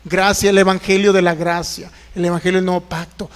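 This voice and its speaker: A man's voice: high-pitched, level tone, a little fast, in a large hall. A man preaching a sermon to an online audience, emphatic and mocking, with frequent exclamations.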